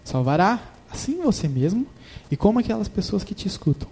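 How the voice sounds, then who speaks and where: A man's voice: sits high, a little fast, creaky, husky. A young man preaching a casual, informal sermon at a church service, telling stories with slang. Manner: informal, slangy, lively storytelling.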